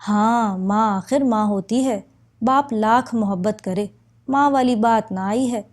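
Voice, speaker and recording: A woman voicing an older aunt who gives fond, wise advice in a slow, measured way. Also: on the high side, darkish tone, close to an everyday voice. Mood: advising.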